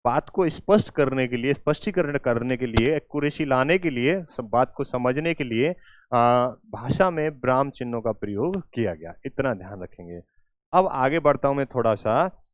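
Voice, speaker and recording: A male teacher giving a lecture who repeats phrases slowly and keeps checking that students follow. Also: mid-range voice, lively intonation, no echo. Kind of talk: classroom lecture with examples. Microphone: recording while writing on a board.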